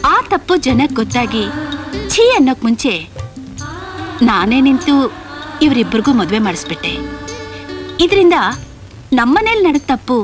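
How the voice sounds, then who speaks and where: A woman's voice: sits high, very animated, measured pace, pauses often, music in the background. An actress playing Jaya, a frank, worldly woman who lectures her friend bluntly in a 1990s film drama. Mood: candid. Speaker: film character.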